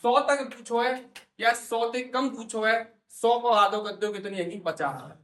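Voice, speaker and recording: A man with a teaches maths in a classroom. He coaxes the students and quizzes them, then repeats their answers back. His high voice comes from a mic set well away from him, with a roomy echo. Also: measured pace, a bit bright. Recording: echoey room, voice from far off mic.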